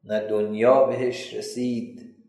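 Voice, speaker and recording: A male preacher telling a religious story in dramatic style, swinging between hushed and loud. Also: mid-range voice, level tone, reverberant. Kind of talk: sermon storytelling.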